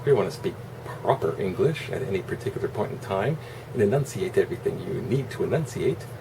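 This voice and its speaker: A man's voice: low-pitched, expressive, fairly quick, vocal fry, distant mic. A man giving a casual, opinionated monologue in a rambling, sarcastic, salty way. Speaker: online video host. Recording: constant air-conditioner hum, noisy room.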